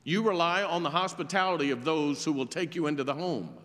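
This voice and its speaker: A man preaching a sermon in a church, telling a story in a measured, earnest way. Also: on the high side, a bit bright, in a large hall. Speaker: pastor. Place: church sanctuary.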